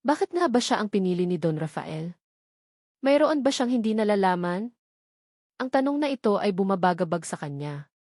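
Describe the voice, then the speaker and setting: Narrating a scripted romance story, a woman with a Filipino accent speaks in a mid-range, slightly mellow voice with big pitch swings. Her pace is normal but broken by long pauses, and the clean studio recording carries no room sound.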